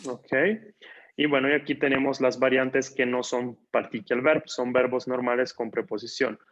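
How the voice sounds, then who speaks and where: A man teaching a language class online, patiently repeating words slowly and filling gaps with soft "ujú" sounds. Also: medium pitch, little pitch movement, muffled recording. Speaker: Swedish teacher.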